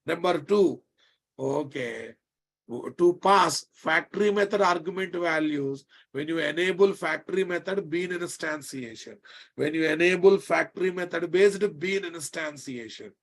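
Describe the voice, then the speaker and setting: A man's voice: on the high side, a little slow, a bit bright. A man with a Telugu Indian accent teaching a live technical class, emphatically repeating phrases and often checking that students follow. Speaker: programming instructor.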